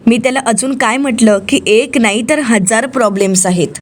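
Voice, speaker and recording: A woman's voice: on the high side, fairly quick, lightly acted. A woman reading the lines of a cheerful young husband who coaxes and teases his wife in a retold TV serial. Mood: coaxing.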